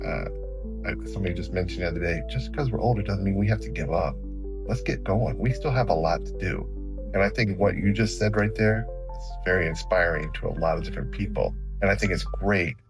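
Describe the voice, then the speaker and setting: A man's voice: low-pitched, normal speed, over music. A middle-aged man with an Oklahoma Okie accent, hosting a conversational interview in a rambling, encouraging way. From Oklahoma, United States. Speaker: interview show host.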